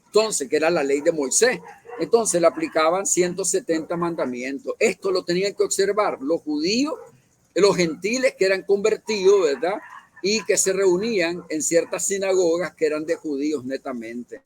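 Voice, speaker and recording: A man's voice: sits high, normal speed, no room sound. A man leading a Bible study, explaining at length, with many fillers and self-corrections. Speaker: church leader.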